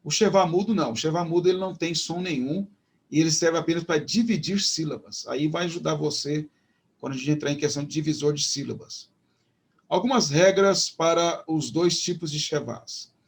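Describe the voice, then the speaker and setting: Husky-voiced Brazilian man teaching a lesson. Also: fairly high pitch. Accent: Brazilian Portuguese. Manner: explanatory, with many fillers and restarts; slows down to pronounce Hebrew words. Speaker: Hebrew teacher. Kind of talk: online lecture.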